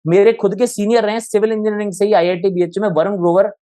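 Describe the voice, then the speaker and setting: A man's voice: high voice, flat delivery, quick pace, warm tone, no room sound, studio quality. A man speaking as an educator guest in a conversational interview, candid and opinionated, explaining at length. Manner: candid, opinionated, talks in long explanatory runs.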